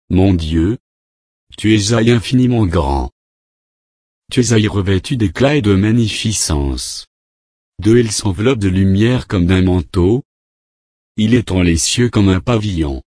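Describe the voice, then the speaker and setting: A man preaching a sermon, reading numbered Bible verses aloud and commenting on each in a measured way. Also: deep voice, a little mellow, no room sound, studio quality.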